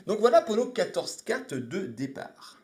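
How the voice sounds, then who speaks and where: A man's voice: sits high, very animated, measured pace, a little mellow. A man hosting a live stream, casually explaining board game rules while thinking aloud and greeting viewers. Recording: echoey room.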